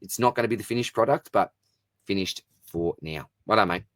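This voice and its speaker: A man's voice: fairly low pitch, fairly quick, a bit bright, no room sound, clean studio sound. A man hosting a casual solo fantasy sport Q&A, talking in a chatty, matey, informal way with plenty of slang. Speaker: host of a fantasy sport Q&A show. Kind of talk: casual solo mailbag commentary, reading out questions and answering.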